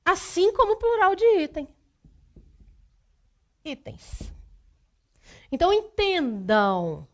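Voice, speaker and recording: Woman teacher, high voice, goes over grammar rules again and again, keeps checking you got it. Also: sing-song, normal speed. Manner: methodical, repeats rules, checks in with "tá?"; speaks straight to the student. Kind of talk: exam-prep grammar lesson.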